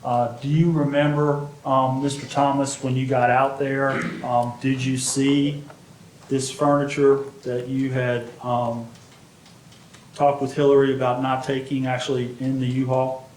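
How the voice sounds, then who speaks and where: A man as a flat-voiced defense attorney on a courtroom recording. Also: medium pitch, measured pace. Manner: plain-spoken, a bit self-deprecating, hesitant fillers. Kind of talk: courtroom examination of a witness. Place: large courtroom. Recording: echoey courtroom audio from a distance, faint noise.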